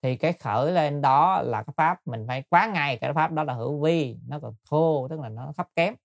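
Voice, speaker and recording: Gravelly-voiced man giving a dharma talk. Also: on the high side, moderate pace, no room sound, clean studio sound. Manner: patient, explanatory, addresses listeners politely with frequent hesitations. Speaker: Buddhist teacher.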